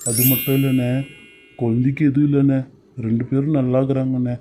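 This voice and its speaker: A man voicing a calm younger brother in a cartoon serial, soothing and reassuring. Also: mid-range voice, fast, over music, close to an everyday voice. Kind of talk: Tamil cartoon serial voice acting.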